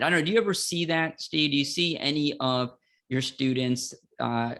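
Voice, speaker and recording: A man's voice: mid-range voice, gravelly, a bit bright. A middle-aged man co-hosting a podcast, explaining law in a playful, self-mocking chat. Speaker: podcast co-host, law teacher.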